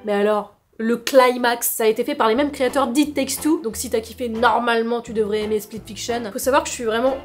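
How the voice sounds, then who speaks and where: A woman's voice: on the high side, fairly even intonation, brisk, hardly any pauses, soft background music. A woman talking to camera in a casual vlog, playful and sarcastic, with jokey asides. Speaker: YouTuber. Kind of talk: casual vlog monologue with sponsor read.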